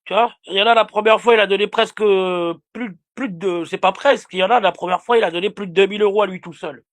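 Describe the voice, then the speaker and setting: A man's voice: high-pitched, quick pace, fairly bright tone. A man livestreaming a heated, insulting rant aimed directly at a rival, repeating himself often.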